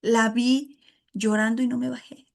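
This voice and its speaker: A woman leads an informal women's Bible study. She preaches earnestly and with feeling, warmly calling her listeners "hermano" between her points. Her voice sits somewhat high for a woman. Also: little pitch movement, measured pace, gravelly. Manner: addresses listeners as "hermano" often, emotional and earnest. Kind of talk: informal sermon with personal testimony.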